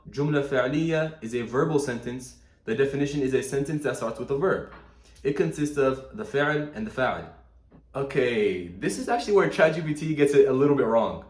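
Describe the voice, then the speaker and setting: A man with a mid-range voice talks quickly through an Arabic grammar lesson. He reads answers aloud and corrects them, dropping easily into Arabic terms. His voice rings out in an echoey room. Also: mid-range voice. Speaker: Arabic language teacher. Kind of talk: casual explanatory commentary.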